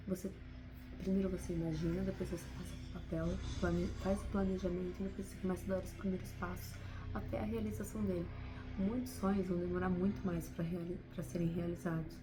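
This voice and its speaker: A woman's voice: on the low side, low-quality recording. A woman with a Brazilian Portuguese accent, talking to camera in an unscripted, heartfelt motivational vlog, often adding little tag questions. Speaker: vlogger.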